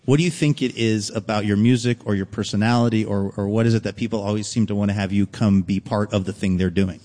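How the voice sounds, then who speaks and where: A man's voice: on the low side, steady tone, quick pace, dark tone. Chatty male host in a reverberant theater. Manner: chatty, rambling questions with fillers. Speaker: radio show host. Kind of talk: live stage interview. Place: theater stage before an audience. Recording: live theater with long reverb.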